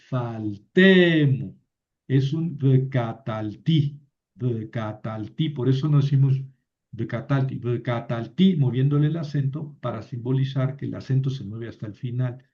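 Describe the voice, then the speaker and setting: Male teacher, unhurried and hesitant, full of fillers; muffled lo-fi sound. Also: medium pitch, warm tone. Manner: slow, hesitant explaining with many fillers and restarts. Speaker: biblical Hebrew teacher. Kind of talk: online class lecture.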